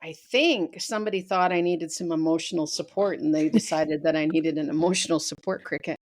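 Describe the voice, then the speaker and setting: A woman's voice: sits low, fairly quick. A woman from Canada, a guest photographer, telling stories in casual chat and acting out her own quotes. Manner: animated storyteller, acts out her own quotes.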